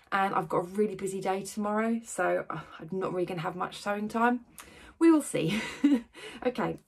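A woman's voice: mid-range voice, vocal fry, darkish tone, husky. A woman vlogging in a casual, chatty way, a little out of breath, laughing now and then as she talks. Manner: chatty, breezy, laughs between sentences. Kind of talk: casual vlog chat.

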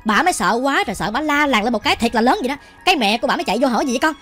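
A woman's voice: a little high, animated, very fast, a bit bright, soft background music. A woman with a Southern Vietnamese accent telling a ghost story in a chatty way, often speaking directly to her listeners. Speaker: storytelling channel host. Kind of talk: ghost story narration while cooking.

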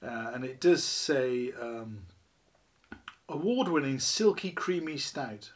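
A man's voice: mid-range voice, expressive, slow pace. A chatty man in his fifties. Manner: chatty, rambling, self-deprecating, many ums and you-knows. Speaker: beer reviewer. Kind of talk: casual beer review to camera. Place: small living room, indoors, seated at a table.

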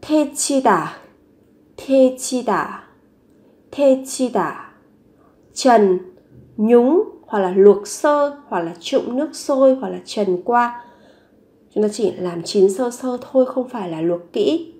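A woman teaching a vocabulary lesson, saying each word three times slowly before explaining it. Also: on the high side, lively intonation, warm tone. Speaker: language teacher.

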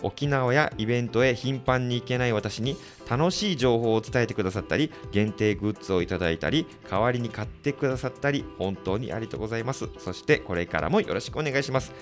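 A man's voice: mid-range voice, fast, hardly any pauses, soft background music. A man hosting a casual community radio show, joking, laughing and trying playful impressions.

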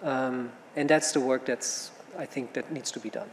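Male panelist, gravelly, halting and thinking aloud, recorded in a reverberant hall. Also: mid-range voice, fairly even intonation. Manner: thinking aloud, with many fillers and restarts. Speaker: panel speaker. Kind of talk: panel talk answering questions. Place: conference room. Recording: hall reverb with faint room noise.

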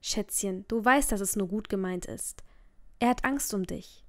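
A woman reading a gentle, worried mother. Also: mid-range voice, unhurried, no room sound, clean studio sound, natural voice. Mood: concerned. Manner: gentle, concerned. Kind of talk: audiobook reading.

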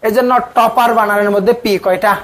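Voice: medium pitch, fairly even intonation, fairly quick. A teacher giving an exam coaching grammar lecture, often asking the class questions and then answering them. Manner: casual, speaks to students as "tumi".

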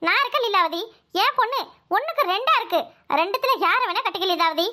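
A woman's voice: extremely high pitch, quick pace, bright, forceful tone. A woman voicing a scheming middle-aged aunt in a cartoon, who is mocking and dismissive.

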